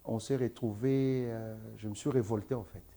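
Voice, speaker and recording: A man from the Democratic Republic of the Congo, an entrepreneur and author, answers interview questions as a guest in an earnest, emphatic way. His mid-range voice is warm and steady, at a normal pace.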